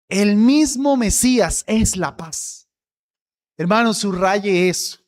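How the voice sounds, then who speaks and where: A man preaching a sermon as pastor, emphatic, stretching key words and repeating phrases for emphasis. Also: high voice.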